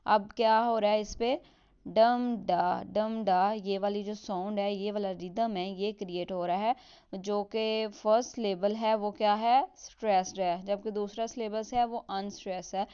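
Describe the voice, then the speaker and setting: A woman explaining a literature lesson, mixing English terms into her Hindi and reading example lines slowly. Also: mid-range voice, fairly even intonation, dark tone, clear, resonant tone, highs cut off. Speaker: teacher.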